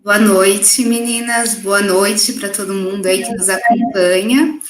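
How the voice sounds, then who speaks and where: A woman's voice: mid-range voice, steady tone, unhurried. Southern Brazilian woman in an echoey room. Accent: Curitiba southern Brazilian. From Curitiba, Paraná, Brazil. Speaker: panelist. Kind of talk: introducing herself on a live panel.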